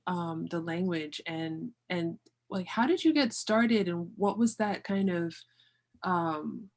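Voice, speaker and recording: A woman's voice: fairly low pitch, expressive, slow pace, darkish tone. A woman hosting a conversational interview, speaking emphatically and repeating phrases for stress. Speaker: podcast host, interviewer.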